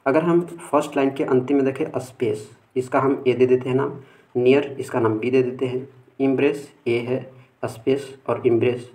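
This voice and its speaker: Man teaching poetry in a steady mid voice. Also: mid-range voice. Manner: reads English lines slowly and deliberately, repeats "theek hai" often. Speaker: literature teacher. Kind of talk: classroom lecture mixing Hindi and English.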